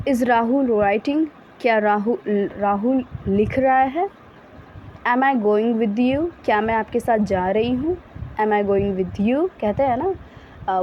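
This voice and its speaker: Slow-drilling woman English teacher, lo-fi. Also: on the high side. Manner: reads English examples very slowly, then explains quickly in Hindi; self-correcting, apologetic asides. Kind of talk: Hindi-language English grammar lesson. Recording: dull lo-fi sound with faint background hiss.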